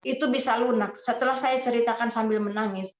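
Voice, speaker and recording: A woman shares an emotional personal testimony with a congregation, telling her story vividly and speaking straight to her listeners. Her voice sits fairly high. The sound is roomy and echoey with a slightly dull, muffled tone. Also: fairly even intonation, fast talker. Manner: storytelling, addressing listeners as brothers and sisters, acting out dialogue.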